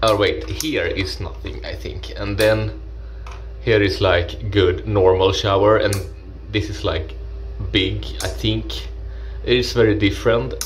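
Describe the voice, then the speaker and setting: A vlogger gives a casual tour of his small apartment's bathroom and kitchen, filmed on a body-worn action camera with slight background noise. His voice is low, slow, and steady, and he speaks haltingly, restarting sentences and tossing in playful asides.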